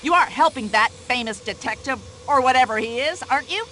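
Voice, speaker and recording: An actress playing a pushy, talkative middle-aged American widow who complains indignantly, with an American accent. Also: female voice, high-pitched, lively intonation, fairly quick, bright, forceful tone, slight background noise, low-quality recording. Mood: impatient. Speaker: witness in a radio-style drama.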